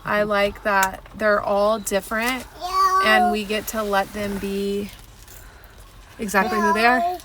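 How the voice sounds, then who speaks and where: A woman chatting casually about being a mother, animated, laughing often as she tells stories. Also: medium pitch, slow pace, background noise. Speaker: mother and co-host. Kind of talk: casual chat.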